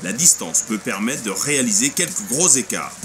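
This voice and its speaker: A man's voice: medium pitch, big pitch swings, normal speed, distant mic, music in the background, lightly acted. A man giving scripted, analytical race commentary as a co-commentator in a cycling game.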